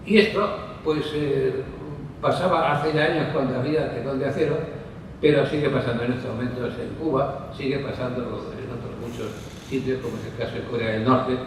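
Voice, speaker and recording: A man's voice: mid-range voice, steady tone, moderate pace. A man giving a discursive conference talk on a panel, with many fillers and asides. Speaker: panel speaker. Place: conference hall. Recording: distant mic in echoey hall with noise.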